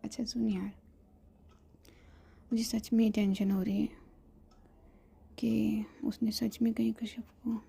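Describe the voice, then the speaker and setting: A young woman overcome with feeling speaks in a low, cracking whisper, as a woman narrator voices her. The sound is dark, husky and gravelly. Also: little pitch movement, slow, long pauses, exaggerated voice. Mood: tearful hushed. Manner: quiet, voice breaking. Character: emotional young woman in love.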